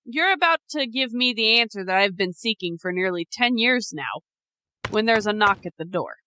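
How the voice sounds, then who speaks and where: A podcast co-host tells her friend a creepy scenario in a casual chat, teasing and laughing often like a natural storyteller. Her voice is medium-pitched and animated, with a sharp tone and a normal pace.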